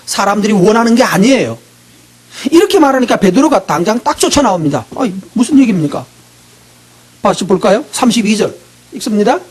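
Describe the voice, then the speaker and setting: A middle-aged male pastor preaching, quizzing his congregation with quick, teasing questions. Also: sits high, sing-song, husky. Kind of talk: interactive sermon.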